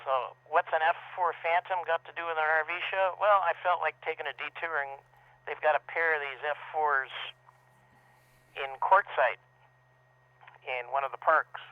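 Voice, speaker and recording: Middle-aged male club presenter, somewhat high voice, rambling casual slideshow talk over a dull lo-fi line. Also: normal speed, dry recording. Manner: relaxed, rambling, many "uh" fillers. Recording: dull lo-fi dry audio.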